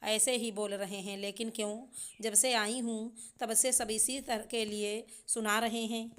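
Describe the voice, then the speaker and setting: A woman's voice: fairly high pitch, flat delivery, a little slow, a bit bright. Sadhana, a woman voicing a hurt young daughter-in-law. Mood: aggrieved. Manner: pleading, tearful complaint.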